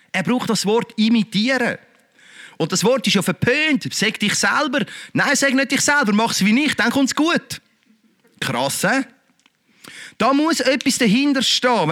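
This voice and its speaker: A middle-aged man, preaching a lively, conversational sermon full of rhetorical questions. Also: high-pitched. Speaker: pastor.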